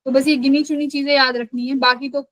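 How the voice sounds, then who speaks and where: High-voiced woman teaching physics. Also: flat delivery, brisk, fairly bright tone, dry recording, poor audio. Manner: patient, explanatory, checks understanding often. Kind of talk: live online class lecture.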